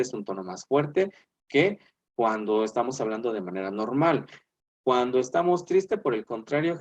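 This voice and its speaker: A male teacher giving an online class in a chatty way, filling pauses with "eh" and "este" and checking in with "¿verdad?". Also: mid-range voice, a little mellow, dull audio.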